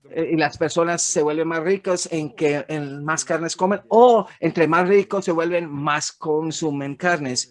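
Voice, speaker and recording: A man, an economist, giving a frank, emphatic webinar presentation over slides, with some fillers and restarts. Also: a little high. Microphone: webinar recording.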